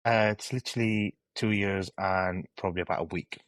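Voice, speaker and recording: A man from Iraq in his thirties talks in a relaxed, friendly way and laughs easily. His voice sits very low. The sound is dry and close, as on a video call from home. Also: normal speed, no room sound. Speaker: guest, dental implant company representative. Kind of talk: casual interview chat.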